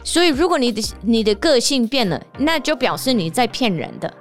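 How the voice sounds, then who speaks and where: A woman from the United States, a native English speaker, hosting a casual podcast monologue, telling stories in an animated way and laughing often. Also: on the high side, a little fast, faint music behind. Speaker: podcast host; teacher and performer.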